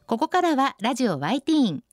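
A woman hosting a radio segment, reading out listener posts and adding bright, chatty comments on each one. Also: high-pitched, big pitch swings, fast talker, music in the background. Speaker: radio host.

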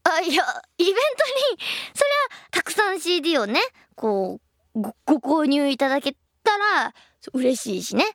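Bubbly high-voiced woman radio host. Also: normal speed, no echo, studio quality. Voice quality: a bit husky, by her own account. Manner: lively, chatty and playful, laughs at her own slips. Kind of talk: reading and answering listener letters.

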